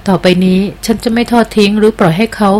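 A woman's voice: medium pitch, steady tone, quick pace, mellow, lightly acted. A woman reading aloud as a bold young woman who teases and presses for answers in an audiobook. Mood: insistent. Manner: teasing and insistent.

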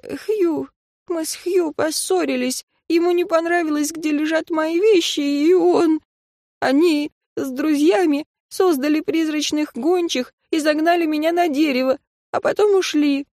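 A woman voicing a frightened, whiny teenage male student in an audiobook, with a high, shaky, pleading voice. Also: measured pace, darkish tone, no echo, clean studio sound. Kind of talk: audiobook character voice.

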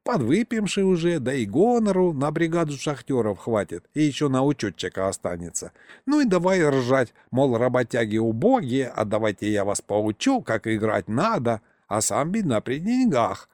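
A man's voice: medium pitch, big pitch swings, moderate pace, a little mellow, no echo, natural voice. A man reading an audiobook, voicing a crafty, boastful old retired miner who rambles folksily through his tales. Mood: yarn-spinning. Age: older.

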